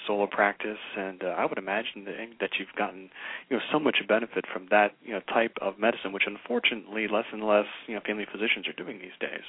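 A man interviewing a guest, asking halting, rambling questions. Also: fairly low pitch, no room sound. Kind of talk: casual interview. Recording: dry, phone-like audio.

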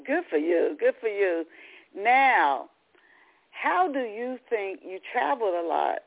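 A woman hosting a radio interview, talking in a halting way and often repeating her words. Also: medium pitch, big pitch swings, gravelly. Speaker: radio show host. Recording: tinny phone-like radio sound.

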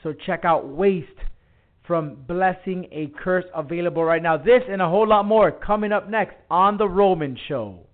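A man's voice: high voice, normal speed. A man hosting an internet talk show with an emphatic, announcer-like delivery over a phone line. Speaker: podcast host. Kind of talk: upbeat wrestling and music show hosting. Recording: tinny phone-line internet radio audio.

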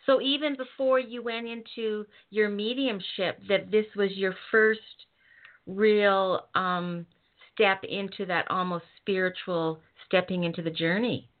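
A woman's voice: medium pitch, steady tone, measured pace. Gushing woman host on a tinny line. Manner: gushing, with many ums and restarts. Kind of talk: casual interview chat.

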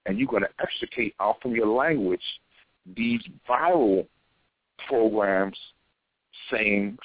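A man's voice: lowish voice, takes it slowly, no echo. An American man ranting like a soapbox preacher, exhorting in informal street vernacular with repeated phrases. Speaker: self-styled spiritual teacher. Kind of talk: impassioned soapbox sermon. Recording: thin phone-like radio sound.

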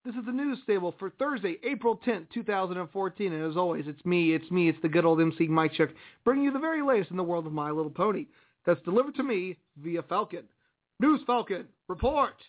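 A man's voice: sits high, expressive, fast talker, heavy background noise. A man hosting a radio show, announcing in a showy, emphatic way like a chipper old-time radio ad. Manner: showy, emphatic, proclaiming delivery. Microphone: internet radio broadcast. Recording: tinny, phone-like internet radio sound.

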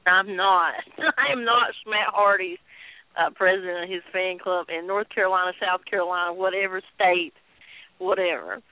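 A woman's voice: lowish voice, fairly even intonation, moderate pace, no echo. A woman co-hosting a radio show with casual, teasing banter. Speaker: show co-host. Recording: thin phone-like line.

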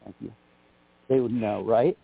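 Husky rambling man calling a radio show. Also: fairly low pitch, fairly even intonation, measured pace, dry recording. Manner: rambling, scattered, swears casually. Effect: heard over a phone line into a radio show. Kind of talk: casual call-in chat. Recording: tinny phone line.

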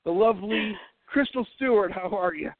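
Congested american guy hosting a radio show, slightly high voice, rambly and jokey, tinny phone sound. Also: normal speed, dry recording. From New Hampshire, United States. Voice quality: congested, stuffy nose. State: congested, breathing through mouth. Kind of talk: casual radio show chat. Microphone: thin mic curled close to face. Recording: thin phone-like line.

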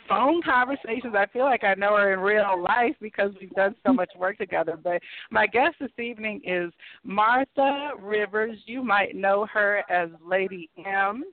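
A woman's voice: medium pitch, unhurried. A woman hosting a call-in psychic talk show in a chatty, upbeat way. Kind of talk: casual radio-show hosting. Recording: dry, tinny phone line.

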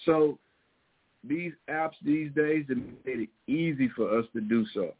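A fitness and weight loss coach from Missouri, United States, speaks with a Missouri twang in a husky voice that's on the high side and a little slow. He gives casual motivational advice in a folksy, emphatic way, repeating his key points, and the audio is thin and phone-like.

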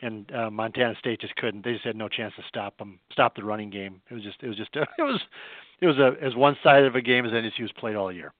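A man's voice: lowish voice, no room sound. A man in his fifties, a sports writer, talking plainly and unhurriedly as a guest heard over a phone line. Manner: plainspoken, unhurried, thinks aloud. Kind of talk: casual phone interview. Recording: tinny dry phone line.

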